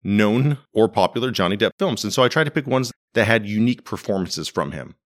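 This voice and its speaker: Deep-voiced man, casual wry podcast host. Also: expressive, brisk. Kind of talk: casual conversational commentary. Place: living room used as a home studio.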